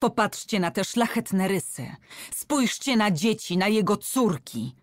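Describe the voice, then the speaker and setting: A woman voicing a defiant young countess, high and agitated. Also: lively intonation, unhurried, dry recording, clean studio sound, natural voice. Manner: agitated, raised and pleading.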